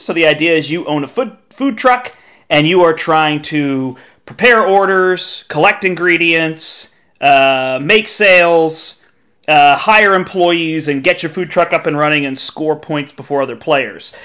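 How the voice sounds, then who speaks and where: A man's voice: on the high side, unhurried, sharp tone. A man hosting a board game podcast, speaking in a chatty, informal, showman-like way. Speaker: podcast host.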